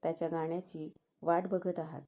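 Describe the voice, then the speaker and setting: A woman reading a story aloud, voicing a harried male organizer who pleads with a crowd to calm down. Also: sits low, normal speed.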